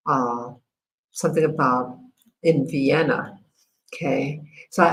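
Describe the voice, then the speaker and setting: An American woman with a low voice hosts a casual livestream. She talks slowly and haltingly, stopping and restarting as she sorts out her screen. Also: poor audio. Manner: halting, many fillers and restarts while working the screen. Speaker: livestream host.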